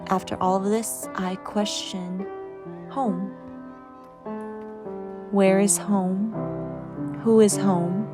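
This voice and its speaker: A woman reads a scripted voice-over slowly and thoughtfully, giving each short line room to land. Her pitch sits in an ordinary middle range. Clear music plays beneath her. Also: steady tone. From Sacramento, California. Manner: measured, poetic delivery. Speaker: documentary narrator.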